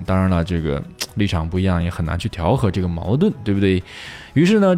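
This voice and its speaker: A man's voice: low voice, warm tone. A man teaching English in a casual online lesson, chatty and self-correcting with many fillers.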